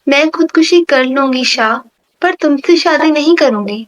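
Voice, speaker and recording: A woman's voice: high voice, dull audio, close to an everyday voice. A woman reading the lines of a defiant young woman who scornfully refuses a forced marriage. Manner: angry, scornful, shouting.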